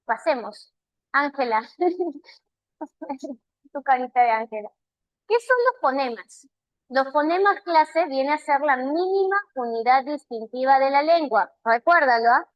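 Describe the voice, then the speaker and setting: Peruvian teacher, woman, high bright voice, patient explainer, dry close sound. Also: measured pace, dry recording, highs cut off. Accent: Peruvian Spanish. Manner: patient, explains step by step with frequent check-ins. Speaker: language teacher. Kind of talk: online class lecture.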